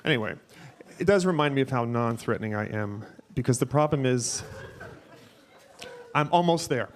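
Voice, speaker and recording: A man in his forties doing a live stand-up set, animated, jumping into a high flamboyant yelling voice. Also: normal speed. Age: 40s. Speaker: stand-up comedian. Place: comedy club stage. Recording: noisy live club sound.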